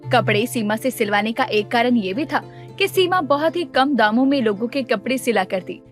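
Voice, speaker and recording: A woman's voice: a little high, expressive, moderate pace, soft background music. A woman narrating a cartoon story in a scripted storytelling style.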